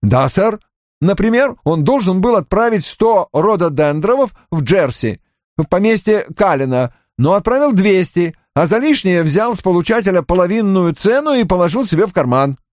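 A man's voice: high-pitched, big pitch swings, moderate pace, darkish tone, no room sound, studio quality, voice pushed up. Man voicing a fussy, wordy young assistant. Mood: earnest. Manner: long-winded, over-formal reporting. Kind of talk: audiobook character voice.

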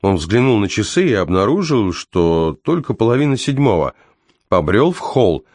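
A man with a low voice reads a story aloud in measured, tense narration. He slows down for the dramatic beats. The recording is dry and close, with no room sound. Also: very animated, darkish tone, no echo. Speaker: audiobook narrator. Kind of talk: scripted narration.

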